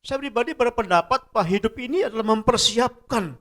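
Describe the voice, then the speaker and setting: A man's voice: very high-pitched, brisk, fairly bright tone. A middle-aged man preaching a sermon as a church pastor, telling stories and repeating phrases for emphasis. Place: church service.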